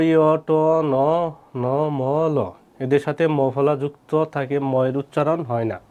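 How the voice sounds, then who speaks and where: A man's voice: a little high, darkish tone. A man, teaching pronunciation rules and asking himself rhetorical questions as he walks through repeated example words. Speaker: Bengali language teacher. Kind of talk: explaining pronunciation rules to students.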